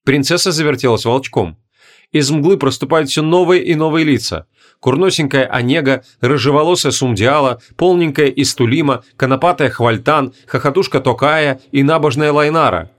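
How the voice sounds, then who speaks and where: A man reading a fantasy audiobook in measured, deliberate narration. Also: fairly high pitch. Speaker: audiobook reader. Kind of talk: scripted narration.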